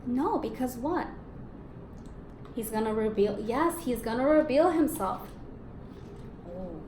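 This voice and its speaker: With a slightly high, somewhat mellow voice and lively intonation, a woman speaks slowly. She is a teacher reading a storybook aloud to young pupils with expression, prompting them with questions and affirming their responses. Faint background noise sits under a roomy echo.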